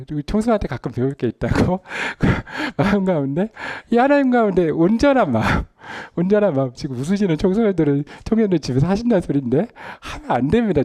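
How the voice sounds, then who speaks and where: Dark-voiced pastor, loud then whispering. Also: male voice, on the high side, no room sound, studio quality. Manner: swings from loud emphasis to hushed whispers. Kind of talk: sermon.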